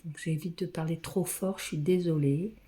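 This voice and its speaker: A woman filming on her phone at home, talking softly and often half-whispering, hesitant and repeating herself as she names colors. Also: fairly low pitch, fairly even intonation, normal speed. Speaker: craft vlogger showing thread colors. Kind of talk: casual show-and-tell. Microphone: phone camera.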